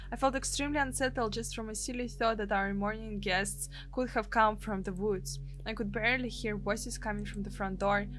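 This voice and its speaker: A native Russian speaker with a Russian accent streams a visual novel, narrating it dramatically and translating the game text live. Her voice is mid-range and a little bright.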